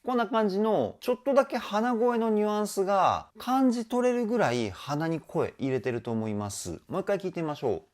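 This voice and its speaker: An enthusiastic male vocal trainer analyzing a music video. His pitch rises and falls a lot as he chats. He talks in a friendly, chatty way and sometimes sings short bits to show a point. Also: very animated, brisk, hardly any pauses, darkish tone, a little hiss or hum. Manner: enthusiastic, chatty, often adds ね; sings short snippets to demonstrate.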